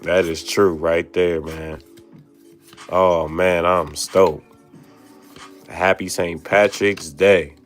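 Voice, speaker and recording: A young man hosting a card-opening vlog, excited, exclaiming and stammering over his pulls. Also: deep voice, drawn-out words, pauses often, faint music behind. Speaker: card-opening channel host.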